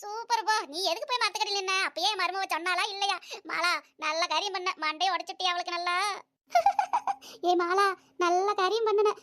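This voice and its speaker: A woman's voice: very high-pitched, fast, pushed and bright. A woman voicing a bossy, scolding older mother-in-law in a family cartoon. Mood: gloating. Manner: scolding, lecturing. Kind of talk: cartoon voice acting.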